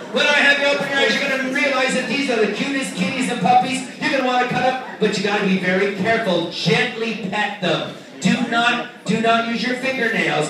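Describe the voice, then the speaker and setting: A man hosting a live hypnosis stage show, coaxing and instructing with short, repeated commands. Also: very high voice. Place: large indoor venue at a school stage show. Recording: distant, echoey hall with noisy crowd. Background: loud audience noise and laughter.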